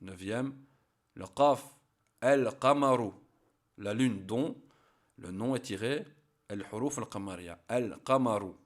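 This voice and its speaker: A man teaching a language lesson, saying each example word slowly and then repeating it so learners can copy the pronunciation. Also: fairly low pitch, a little mellow. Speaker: Arabic teacher. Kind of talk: slow spoken lesson.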